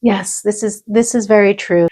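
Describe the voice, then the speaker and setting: A woman's voice: medium pitch, steady tone, moderate pace, darkish tone. A woman, a medium, chatting casually about her readings, with many fillers and easy laughs. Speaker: medium co-host. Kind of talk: casual chat.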